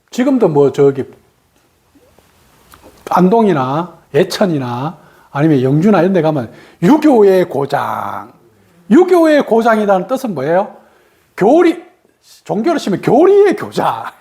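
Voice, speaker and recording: A woman's voice: fairly low pitch, dark tone. A woman from Korea's region, giving a meditation talk, asking rhetorical questions, answering them herself, and laughing between points. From Gyeongsang region, Korea. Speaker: meditation teacher.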